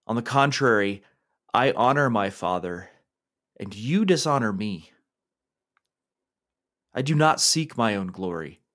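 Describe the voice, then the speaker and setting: A man reading scripture aloud and voicing Jesus as a calm, authoritative teacher in a solemn, measured way. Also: fairly low pitch.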